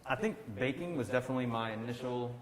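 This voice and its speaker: A middle-aged chef from Kentucky in the United States, appearing as a guest, tells stories in a casual, conversational way. He speaks fast at a medium pitch. The room is roomy and echoey, with faint noise.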